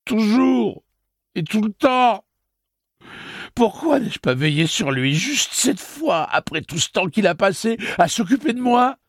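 A man voicing a distraught, frightened young man who sobs and pleads in a shrill voice. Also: sing-song, measured pace, dry recording, clean studio sound, full character voice. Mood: sobbing.

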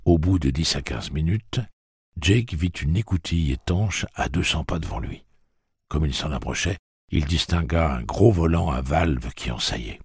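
Very deep, gravelly male narrator. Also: lively intonation, normal speed, dry recording, clean studio sound. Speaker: audiobook narrator. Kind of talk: scripted narration.

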